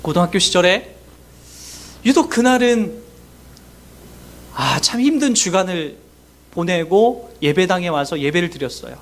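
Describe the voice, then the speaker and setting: Male pastor, high voice, middle-aged, earnest emotional sermon, acts out quotes. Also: expressive, a little slow, pauses often, fairly bright tone.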